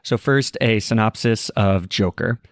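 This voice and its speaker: A man co-hosts a movie review podcast, his voice sitting a little low. He talks through his stories in a relaxed, conversational way. The sound is dry and close, with no room echo. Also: a little slow. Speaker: podcast co-host. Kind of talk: casual film review podcast.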